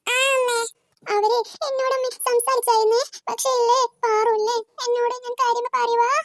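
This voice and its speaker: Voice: very high voice, flat delivery. A performer doing a sulky cartoon girl. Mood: explaining. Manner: sulky, quick to take offence. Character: young girl, touchy and easily hurt.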